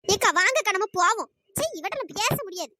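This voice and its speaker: Shrill, sly cartoon village troublemaker, fast-paced, woman voice actor. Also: lively intonation, sharp tone, slight background noise, full character voice. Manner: scolding, sly and gossipy. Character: meddling village woman stirring up fights. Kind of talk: cartoon voice acting.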